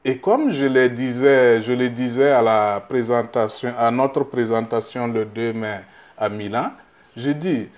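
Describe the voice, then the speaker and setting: A middle-aged man from Burkina Faso, a political candidate answering interview questions, halting and repeating words as he searches, then growing emphatic. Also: medium pitch.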